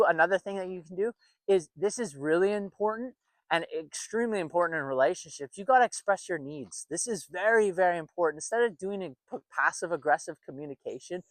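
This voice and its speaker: A man's voice: sits high, dry recording. A middle-aged man, married, talking casually as a relationship coach, repeating phrases and stressing points. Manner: conversational, repeats phrases, emphatic asides. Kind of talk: casual advice monologue.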